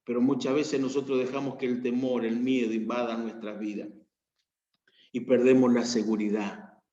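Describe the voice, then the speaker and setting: A man with an Argentine accent preaching a sermon, rising to emphatic peaks and then dropping low. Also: level tone, normal speed, mellow. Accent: Argentine Spanish. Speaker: pastor. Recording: echoey church room, dull lo-fi sound.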